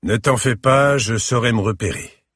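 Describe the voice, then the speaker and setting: A man's voice: mid-range voice, normal speed, fairly bright tone, slightly rough, dry recording, studio quality, voice pushed up. A man voicing a charming cultured grandfather. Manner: charming, dignified.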